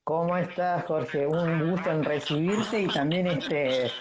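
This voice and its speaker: Argentine host opening a livestream. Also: male voice, a little high. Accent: Argentine Spanish. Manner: friendly, slow-paced, filler-heavy. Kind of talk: casual livestream interview.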